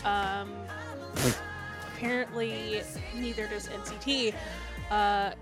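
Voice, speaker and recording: A woman hosting a podcast in a casual, chatty style. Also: fairly high pitch. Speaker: podcast host. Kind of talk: casual chat.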